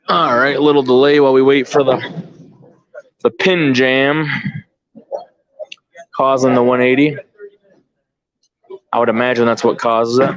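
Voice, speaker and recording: With a medium-pitched, steady voice, a man speaks unhurriedly and leaves long pauses. He's a bowling tournament commentator and organizer offering informal, off-the-cuff live commentary, thinking aloud as play unfolds. The recording is dry and has the dull, lo-fi quality of a live stream.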